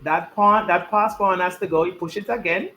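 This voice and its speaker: A man's voice: high-pitched, moderate pace, sharp tone, soft background music. A man giving live chess commentary and chatting, repeating his key points for emphasis.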